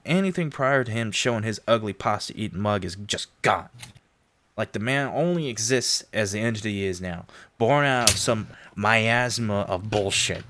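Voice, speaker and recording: A man's voice: fairly low pitch, a bit bright, slight background noise. A man voicing a slick, sleazy talent agent in a tabletop game, with used-car-salesman patter. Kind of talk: tabletop role-play.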